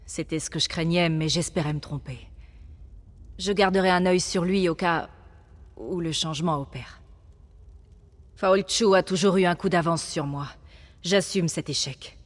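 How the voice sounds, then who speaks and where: An actress playing a resolute, self-sacrificing noblewoman mage in a video game, speaking in a solemn, measured manner. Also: fairly low pitch, natural voice. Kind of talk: dramatic video game acting.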